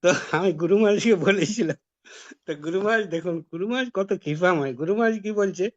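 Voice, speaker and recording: A man's voice: high voice, fast talker. A man giving a devotional talk, telling a personal story in a conversational way. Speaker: devotee preacher. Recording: dull lo-fi recording.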